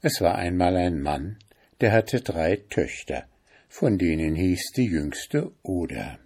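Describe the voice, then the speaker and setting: A man reading a fairy tale aloud in a slow, expressive storytelling manner. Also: low voice. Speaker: reader.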